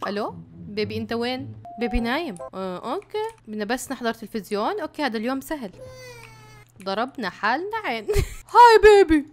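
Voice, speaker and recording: A young woman with a Levantine Arabic accent, playing a horror game as a YouTuber and reacting jumpily, often shrieking and repeating words when scared. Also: fairly high pitch. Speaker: gaming YouTuber. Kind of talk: let's-play commentary.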